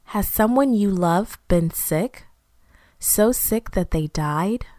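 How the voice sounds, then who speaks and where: A woman reads a Bible story to children at an unhurried, careful pace, giving each line plenty of expression. Her voice sits in an ordinary middle range and sounds close and dry, with no room around it. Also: medium pitch, no room sound, faint music behind. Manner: slow, careful, expressive reading.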